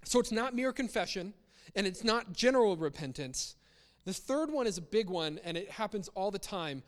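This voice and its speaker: Delivering a sermon full of acted-out example quotes, this high-pitched man speaks at a normal speed with lively intonation. He's conversational but emphatic, repeating phrases to drive points home, and the sound carries a long hall reverb.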